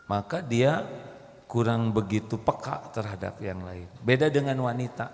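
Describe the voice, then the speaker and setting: A man preaching an Islamic sermon to a congregation, telling stories and acting out pleading voices. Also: mid-range voice. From Indonesia. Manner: lively storytelling, acts out pleading voices. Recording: echoey hall.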